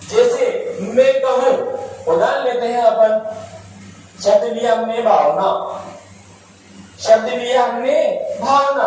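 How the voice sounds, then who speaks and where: High-pitched man teaching in an echoey room. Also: darkish tone, slight background noise. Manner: repeats key points, asks and answers his own questions. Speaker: Hindi grammar teacher. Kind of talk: classroom grammar lesson. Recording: very echoey room, mic at a distance.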